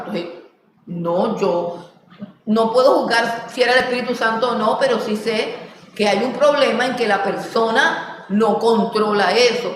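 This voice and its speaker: Colombian woman Bible teacher, lively storyteller, far mic in a reverberant hall. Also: medium pitch. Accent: Colombian Caribbean. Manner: animated, acts out quotes with laughter. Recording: echoey hall, voice from far off, noisy.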